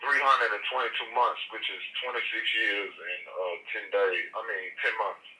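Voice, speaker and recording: A thin, distant prison phone line carries a middle-aged man. His voice is on the low side with a very hard, bright edge. He tells stories loosely, in colloquial street slang. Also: steady tone, normal speed. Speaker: incarcerated interviewee. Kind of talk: conversational storytelling on a prison phone. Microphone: prison telephone.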